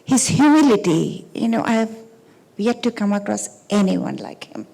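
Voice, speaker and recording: A woman speaking as a panelist in an on-stage conversation, reminiscing in a soft-spoken way that trails off quietly at the ends of phrases. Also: medium pitch, big pitch swings, normal speed, vocal fry, rough recording. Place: talk venue stage.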